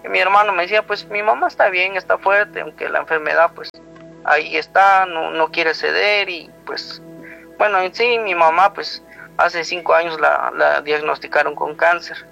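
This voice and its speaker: Speaking at a normal speed in a steady tone, this guest recounts a personal story in a rambling, conversational way, his high, bright voice carrying a Guatemalan Spanish accent. He keeps quoting dialogue with "he told me" tags, while music plays clearly beneath the slightly dull audio.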